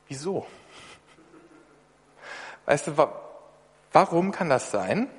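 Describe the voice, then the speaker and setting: A man preaching a sermon in German in a lively, conversational way, often turning to the listeners directly. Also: mid-range voice. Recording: long reverb of a hall.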